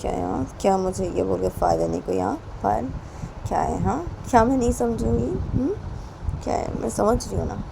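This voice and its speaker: A woman voicing a young woman who speaks softly and questioningly to her partner, gently coaxing. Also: mid-range voice, brisk, creaky, noisy background. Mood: reassuring.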